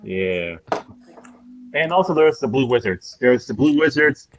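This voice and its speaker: An excitable man talks over a video call at an ordinary middle pitch. He rambles from idea to idea and swears casually in a relaxed group discussion. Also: measured pace, lo-fi sound, slight background noise. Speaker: panelist.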